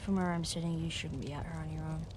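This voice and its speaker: A woman's voice: sits low, fairly even intonation, fast, darkish tone, slight background noise, close to an everyday voice. A woman playing a blunt, sarcastic, wary teen girl. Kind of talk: TV drama acting.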